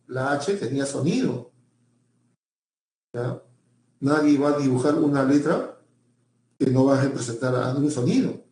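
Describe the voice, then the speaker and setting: A man's voice: mid-range voice, a little mellow, reverberant. A male teacher giving a pre-university language lecture, often repeating himself and checking in with his students.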